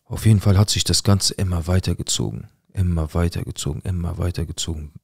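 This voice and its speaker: A man with a very deep, low voice tells a tense personal story in an earnest, emotional way. He repeats phrases for weight, and the sound is close and dry with no room around it. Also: steady tone, quick pace, vocal fry, husky, dry recording. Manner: earnest and tense, with repetition for emphasis. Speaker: storyteller recounting his own past.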